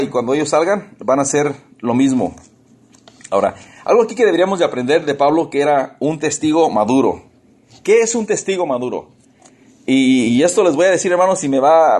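Animated male pastor preaching. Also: on the high side. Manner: addresses the congregation as brothers and sisters, asks rhetorical questions; animated, acts out the voices of complaining people. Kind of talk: conversational sermon.

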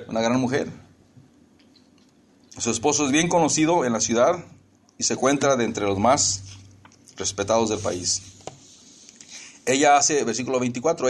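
A male preacher delivers a sermon in a relaxed, conversational way. He teases the congregation and keeps asking them questions, in a voice of ordinary middle pitch.

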